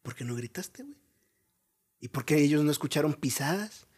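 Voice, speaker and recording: A man with a Mexican accent in casual conversation, telling a mystery story in a lively way, full of slang and rhetorical questions. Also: a little high, moderate pace, husky. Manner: animated, drops "güey" constantly, rhetorical questions.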